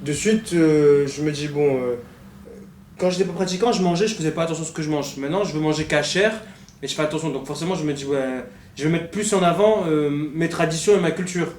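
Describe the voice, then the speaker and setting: A man in his twenties talks fast and animatedly in a casual group discussion, full of fillers. His voice sits a little high. The room is echoey, with faint noise behind. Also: darkish tone. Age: 20s. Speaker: discussion participant.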